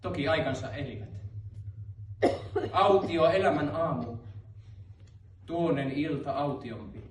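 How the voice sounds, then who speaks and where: A man performing the slow, solemn chanted words of a dead father speaking from the grave. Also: a little high, slight background noise, natural voice. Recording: roomy hall, mic far off.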